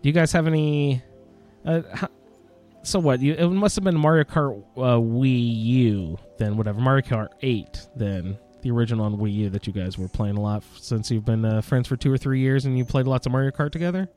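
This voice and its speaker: A man's voice: mid-range voice, fairly quick, a little mellow, soft background music. A man hosting a gaming podcast in a casual, informal, self-deprecating way. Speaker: podcast host.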